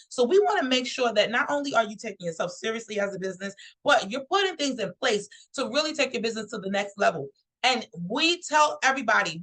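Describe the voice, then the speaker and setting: A woman's voice: fairly high pitch, bright, forceful tone, poor audio. A woman from New York hosting a live online talk show, upbeat and chatty, speaking straight to her viewers. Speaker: host.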